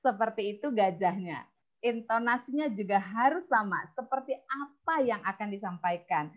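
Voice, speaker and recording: A woman teaching storytelling in a webinar, speaking in a lively, expressive way. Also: medium pitch, moderate pace. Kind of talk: webinar lesson. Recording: dull lo-fi webinar audio.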